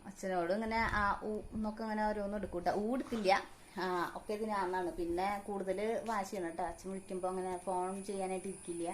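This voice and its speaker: A mother with a Kerala Malayalam accent, talking in a home vlog. She coaxes her young son in a sing-song voice and calmly explains things to the viewers. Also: medium pitch, fast, a little hiss or hum. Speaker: mother of the vlog's child. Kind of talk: casual home vlog talk with her child.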